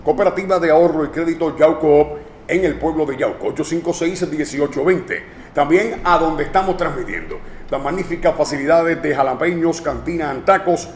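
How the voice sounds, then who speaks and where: A Puerto Rican man hosts a sports interview segment, hitting each sponsor name with punch before switching to halting English questions. His voice sits a bit high. The sound is roomy, with faint noise behind it. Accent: Puerto Rican Spanish. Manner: emphatic ad-style sponsor plugs. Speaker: interviewer and sports show host. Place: restaurant.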